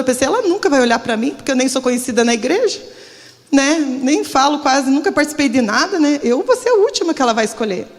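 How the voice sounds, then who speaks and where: A middle-aged Brazilian pastor shares her testimony, and her slightly high voice trembles with nerves. She speaks from a large church hall, and every word trails off in a long reverb. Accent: Brazilian Portuguese. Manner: emotional, confessional, trembling with nerves. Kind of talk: testimony sermon. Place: church service.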